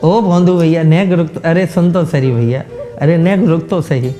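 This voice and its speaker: A man's voice: a little high, normal speed, mellow, faint music behind, lightly acted. A man voicing the young cowherd god Krishna, coaxing and pleading with a friend in a folksy Braj accent.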